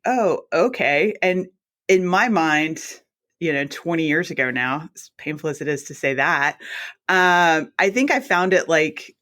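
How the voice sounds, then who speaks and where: A woman in her forties from South Mississippi talks as a guest in a relaxed interview. She tells her story in a chatty way and often acts out what she and others said. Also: low voice. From South Mississippi, USA. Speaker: guest, anesthesiologist assistant. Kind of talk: casual interview.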